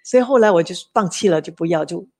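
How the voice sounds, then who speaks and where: Lively woman telling stories. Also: lowish voice, fast talker. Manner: lively anecdotes, mixes English words into Mandarin. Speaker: interview guest, mother of three. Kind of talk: casual storytelling interview.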